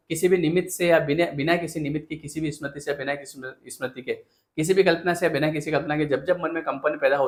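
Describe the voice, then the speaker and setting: A man giving a motivational talk as a speaker and counsellor. He speaks earnestly, asks rhetorical questions and addresses his listeners directly. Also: on the high side.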